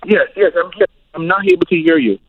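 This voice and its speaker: A man's voice: fairly high pitch, fast, crowd noise. A man calling in to a radio host over a bad phone connection, repeatedly asking whether he can be heard. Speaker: caller. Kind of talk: call-in question to a radio host. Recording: tinny, dry phone line.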